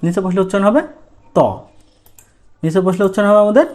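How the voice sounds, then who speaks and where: A man's voice: high-pitched, quick pace, a little mellow. A male language teacher giving a lesson, asking questions and answering them himself. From Bangladesh. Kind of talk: lesson in Bengali.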